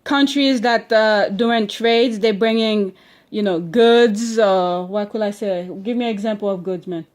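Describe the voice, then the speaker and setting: Teaching her kids at home, an accented woman reads from a history book and explains what it says. Her voice sits at a medium pitch, a little mellow, and she is slow and patient, deliberately stretching important words. Questions and repeated "okay?" check understanding; her English accent is non-standard.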